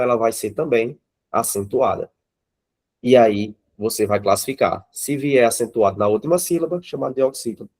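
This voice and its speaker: A man's voice: medium pitch, a little mellow. Brazilian man teaching a live class. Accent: Brazilian Portuguese. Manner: checks in with the class often, asks the students questions. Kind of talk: classroom grammar lesson.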